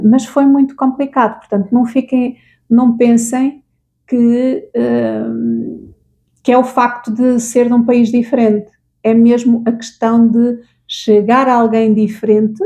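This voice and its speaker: A woman with a European Portuguese accent talks in a relaxed, conversational way, often closing her points with tag questions. Her voice sits a little high and sounds mellow and warm. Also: measured pace. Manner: chatty, explains with frequent tag questions. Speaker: co-host of a therapy talk. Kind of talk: casual conversation.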